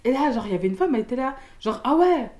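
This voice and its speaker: A young woman from Belgium, telling a storytime in casual slangy chat, loud and expressive, acting out the people in her story. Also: a little high, very fast, a little hiss or hum. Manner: casual slangy talk with many fillers.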